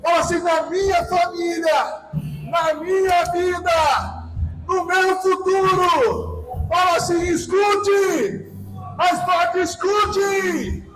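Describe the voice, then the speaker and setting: A Brazilian man preaching a sermon in a church, fervently shouting and leading the congregation in repeated declarations. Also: extremely high pitch, steady tone, extremely slow, crowd noise, background noise. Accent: Brazilian Portuguese. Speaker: pastor. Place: large church sanctuary.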